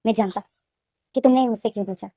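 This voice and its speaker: A woman's voice: fairly high pitch, quick pace, mellow, no room sound, clean studio sound. A woman voicing an angry, bitter young male captive who answers in a snapping way.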